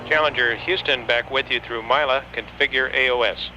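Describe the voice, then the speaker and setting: A man's voice: medium pitch, steady tone, moderate pace. A man at mission control making clipped, procedural air-to-ground calls over a crackly archival space radio link. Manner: clipped, procedural, dry joking. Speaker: mission control capsule communicator. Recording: noisy lo-fi 1980s radio transmission.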